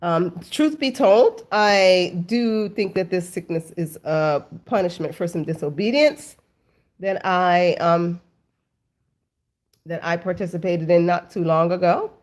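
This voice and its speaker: Speaking slowly in a somewhat mellow, lowish voice, a thirty-something woman hosts a laid-back chat for viewers she treats as family. She's stuffy and sniffling from a cold, and her rambling talk leans heavily on "like" and "um."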